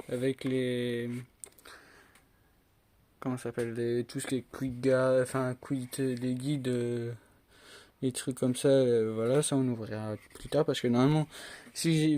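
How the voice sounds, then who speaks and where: A man's voice: mid-range voice, dark tone. A young man from France chatting casually through an unboxing vlog, rambling with many fillers and restarts. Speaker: tech unboxing vlogger.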